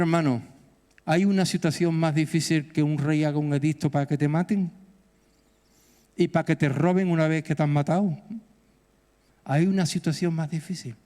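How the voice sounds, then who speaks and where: Fervent preacher from Spain, echoing church. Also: male voice, warm tone. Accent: Peninsular Spanish. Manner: fervent, exhorting, rising to high bursts. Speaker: pastor. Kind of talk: sermon. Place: church hall. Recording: echoey church hall.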